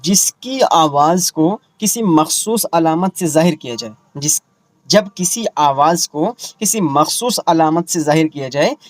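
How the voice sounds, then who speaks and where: A man teaching an online exam-prep lesson. He explains terms slowly, repeats them with English equivalents and asks the students rhetorical questions. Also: a little high, no room sound.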